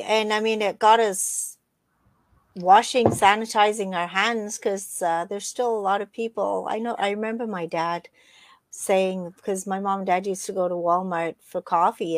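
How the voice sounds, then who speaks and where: A woman's voice: mid-range voice, no room sound. Casting: middle-aged woman, chatty co-host going over plans, dry recording. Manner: chatty, runs through event schedules. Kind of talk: casual chat.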